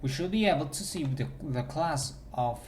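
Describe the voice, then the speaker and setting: A man's voice: fairly high pitch, expressive, moderate pace, darkish tone, a little hiss or hum. A man teaching programming in a screencast, thinking aloud as he types and often restarting his sentences. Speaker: programming instructor. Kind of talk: screencast coding tutorial. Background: keyboard typing.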